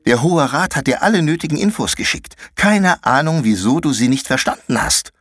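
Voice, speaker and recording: A bossy, secretive girl on a mission, acted by a male reader, speaks in a pitched-up, animated voice. She sounds curt, impatient and sure she knows best. The storybook reading is dry and close, with faint music under it. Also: normal speed, dry recording. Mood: urgent. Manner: curt, impatient, know-it-all.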